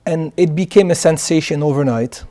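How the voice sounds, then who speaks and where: A Moroccan charity founder answers interview questions as a guest in a studio, speaking earnestly and often repeating words as he begins sentences. His voice is on the high side and warm in tone, at a moderate pace.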